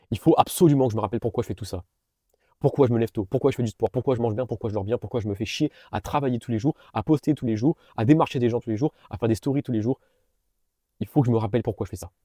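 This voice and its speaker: A man's voice: medium pitch, very fast, mellow, dry recording, clean studio sound. A young man in a casual, earnest motivational monologue, speaking straight to the viewer with fillers and restarts. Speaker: vlogger and business coach.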